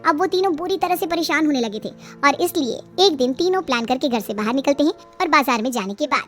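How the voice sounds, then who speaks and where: High-pitched woman narrating a story over music. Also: expressive, fast, fairly bright tone. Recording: music behind the voice.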